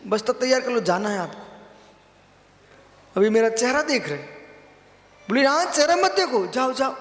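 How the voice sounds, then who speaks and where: High-voiced man preaching in a roomy hall. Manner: repeats phrases for emphasis, acts out little dialogues. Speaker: Jain monk giving a sermon. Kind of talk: sermon.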